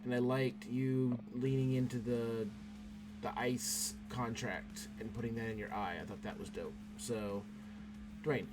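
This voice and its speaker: A man's voice: mid-range voice, fairly even intonation, unhurried. A man chatting casually as a player in a tabletop game. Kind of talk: casual chat. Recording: noisy room ambience.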